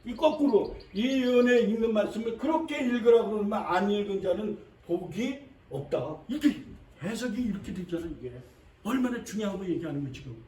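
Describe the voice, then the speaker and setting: A man's voice: high-pitched, expressive, brisk, distant mic, a little hiss or hum. Emphatic preaching man in an echoey church. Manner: emphatic, repetitive, swings from loud to quiet. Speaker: pastor. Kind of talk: sermon. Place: church sanctuary.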